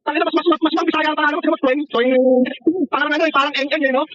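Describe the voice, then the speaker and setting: A man's voice: very high voice, steady tone, racing, pushed and bright, lo-fi sound, soft background music. A man trash-talking other players over game voice chat, mocking and taunting them, laughing often and swearing freely. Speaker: online gamer.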